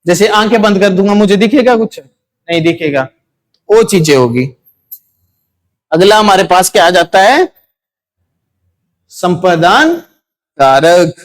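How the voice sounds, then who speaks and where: Man, grammar teacher, high-pitched voice, slow pace, asks and answers his own questions, repeats key words. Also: animated. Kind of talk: classroom grammar lesson.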